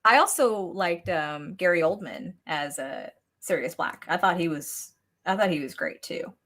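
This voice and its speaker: A woman's voice: lowish voice, animated, unhurried, a bit bright. A woman in her thirties joining a casual livestream chat as a guest, giggly and bubbly, on a video call mic. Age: 30s. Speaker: guest co-host.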